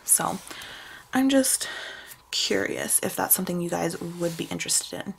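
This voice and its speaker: A young woman talks her way through a plan-with-me vlog in a loose, rambling way, full of fillers. Her voice sits low with a gravelly fry, and a faint hiss runs behind it. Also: a little slow. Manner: rambling, chatty, lots of fillers. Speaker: planner sticker shop owner. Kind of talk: casual plan-with-me chat.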